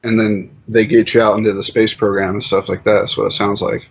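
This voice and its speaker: Against crowd noise, a man with a low-side voice and vocal fry talks a little fast in a level tone. As a guest in a casual conversational interview, he rambles loosely and uses lots of fillers like "you know." The recording is muffled and lo-fi.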